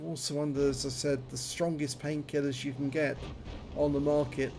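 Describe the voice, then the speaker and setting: A man's voice: fairly high pitch, level tone, moderate pace, darkish tone, a little hiss or hum. A man giving running commentary on a video game, his speech slightly impeded by a numb, toothache-swollen jaw. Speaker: gameplay commentator.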